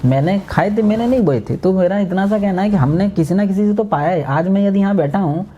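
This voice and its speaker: Over a muffled recording, a high-pitched, brisk male voice with an Uttar Pradesh Hindi accent can be heard. He is an animated podcast guest who tells stories and performs the characters' voices.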